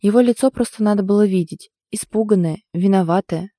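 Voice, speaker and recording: A woman narrating a novel in the first person with a steady, expressive reading. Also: medium pitch, a little fast, no room sound, studio quality. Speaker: audiobook narrator.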